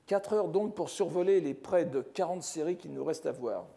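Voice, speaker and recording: An older man giving a scholarly lecture as a professor, measured and careful, often restarting phrases and adding rhetorical asides. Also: on the high side, animated, gravelly, warm tone. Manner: measured, scholarly, with frequent restarts and "n'est-ce pas". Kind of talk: academic lecture. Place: lecture hall.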